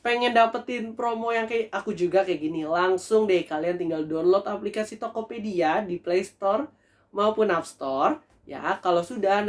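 Seated at a table in a small room, this young food vlogger keeps up a chatty, energetic patter for viewers of his casual review. His voice sits high.

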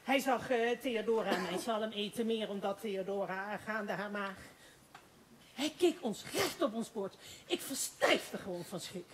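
A woman acting an excitable gossiping townswoman in a stage play, rambling and breathless with giggles. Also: medium pitch, unhurried, a little hiss or hum, close to an everyday voice. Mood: excited gossip.

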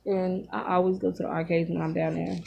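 A woman in her thirties telling casual stories while she eats, talking with her mouth full and pausing to chew, recorded on a phone in a room at home. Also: lowish voice, level tone, vocal fry, highs cut off, slight background noise. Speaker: vlogger. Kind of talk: casual storytelling while eating. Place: small home room, indoors. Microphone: phone at arm's length.

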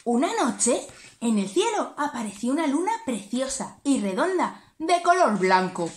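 A preschool teacher, telling a story to small children in an animated, sing-song way. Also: female voice, high voice, a little slow, slight background noise.

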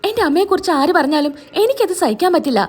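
Lady doing a snappy haughty young wife, high voice that jumps all over the place, sharp scornful comebacks. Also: very animated, very fast. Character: haughty defiant young wife, quick-tempered.

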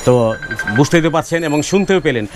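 A man hosting a walking street vlog in an outdoor city market, chatting with shopkeepers and speaking straight to his viewers in a lively way. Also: fairly high pitch, a little fast, noisy background. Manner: lively, keeps addressing the audience directly. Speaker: street vlogger host.

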